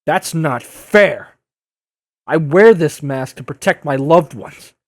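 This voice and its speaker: An earnest young masked superhero played by a man in an audio drama. His pitch swings widely as he speaks, impassioned and exasperated, with a wisecracking edge. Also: expressive, slow pace. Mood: indignant, hurt.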